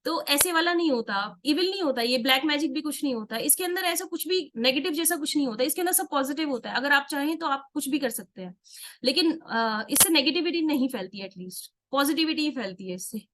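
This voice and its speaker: A woman's voice: high-pitched, animated, brisk, a bit bright. A woman with an Indian accent teaching a tarot workshop online. She explains step by step, asks and answers her own questions, and mixes English words into her Hindi.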